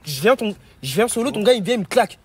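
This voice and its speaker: A man's voice: high-pitched, very animated, fast talker. A young man with a French banlieue accent talking casual street slang into a handheld phone, repeating himself insistently. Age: young adult. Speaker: social media vlogger. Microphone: phone at arm's length. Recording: echoey handheld phone recording.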